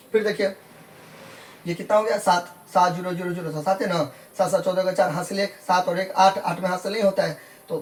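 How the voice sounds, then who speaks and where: A man's voice: sits high, distant mic, a little hiss or hum. A man working through a decimal addition problem as a maths teacher, patiently repeating each step and checking that students follow. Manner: repetitive, patient, asks "clear?" often. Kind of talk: explaining sums step by step.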